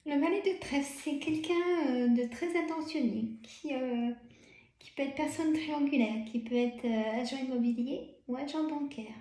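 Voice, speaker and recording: A tired woman with a Burgundy French accent, chatting as she reads tarot cards, full of fillers and soft laughs. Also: sits high, moderate pace, reverberant. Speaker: tarot card reader. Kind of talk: casual card-reading video.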